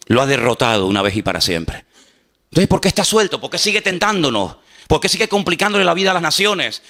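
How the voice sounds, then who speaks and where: Animated preacher with a bright voice. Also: male voice, a little high. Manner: animated, acts out quotes and jokes with the congregation. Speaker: pastor. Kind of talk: sermon.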